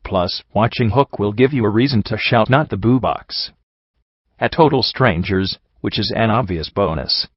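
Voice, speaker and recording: A man's voice: on the low side, moderate pace, hardly any pauses, breathy edge, dry recording. Guy doing a wry upbeat movie countdown, dry close sound, kinda muffled. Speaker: narrator of a movie list. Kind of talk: scripted narration.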